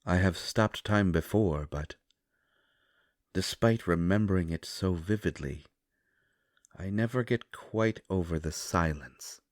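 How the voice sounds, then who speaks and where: This audio roleplay features a man playing an old, polite vampire, his low voice soft and grave as he chooses formal words with slow deliberation. He sounds knowing and intrigued. The studio-quality recording still has a roomy echo, with faint music playing behind.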